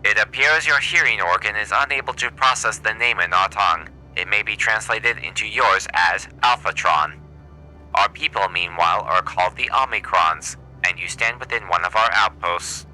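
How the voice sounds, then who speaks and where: A man putting on a robot voice to read a cold, matter-of-fact male robot soldier from a game, with a flat, clipped delivery. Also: on the low side, normal speed, soft background music, rough recording. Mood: flat robotic. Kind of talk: reading game dialogue aloud in character.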